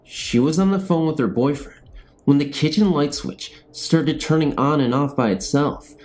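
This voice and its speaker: A channel host and storyteller with a slightly high, darkish voice at normal speed reads spooky family ghost stories aloud. Afterward he rambles as host, poking fun at himself.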